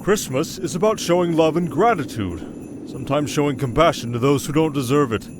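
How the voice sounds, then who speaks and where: Guy doing jolly old santa, kinda higher voice, fatherly n gently scolding, asmr roleplay with some ambient noise behind. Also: lively intonation, a little fast, close to an everyday voice. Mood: warm, wise. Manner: fatherly, indulgent, chuckling, gently chiding.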